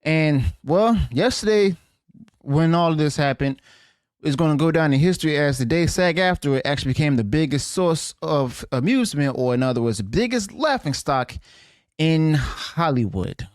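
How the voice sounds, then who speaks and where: A man's voice: on the high side, lively intonation, moderate pace, no echo, clean studio sound. A man hosting a casual news commentary show, talking in a wry, disbelieving way and often stumbling and correcting himself. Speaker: host of a news commentary channel.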